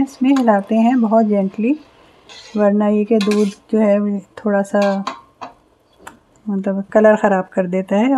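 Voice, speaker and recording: Warm-voiced woman explaining a home recipe. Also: mid-range voice, a little hiss or hum. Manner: calm, step-by-step explaining. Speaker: cooking channel host. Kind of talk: home cooking demonstration. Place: home kitchen.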